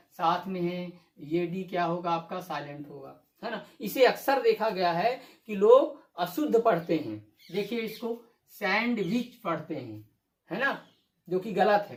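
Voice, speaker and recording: A medium-pitched, patient English teacher delivers a classroom-style video lesson in an echoey room. The explanation proceeds step by step, with each rule repeated and rhetorical questions put to the viewer and then answered.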